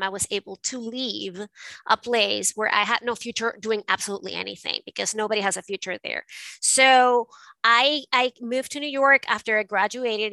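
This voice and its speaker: A middle-aged woman from Venezuela talks through her life story as an interview guest, reflective and given to restarting her sentences. Her voice is bright and crisp, a little higher than most. The recording is dry and close. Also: no echo, rough recording. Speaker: guest, art advisor. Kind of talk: casual interview.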